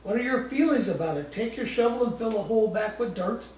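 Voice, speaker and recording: He talks fast, with a high-pitched, slightly mellow voice and lively intonation, as a guest presenter leading a live guided imagery demo. The style is coaxing, soothing and folksy, with plenty of repeated short phrases, heard from far away in an echoey room with faint noise.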